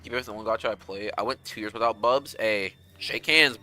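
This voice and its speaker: A young man chatting casually with his viewers on a game stream, animated and rambling, swearing freely. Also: on the low side, fast, soft background music.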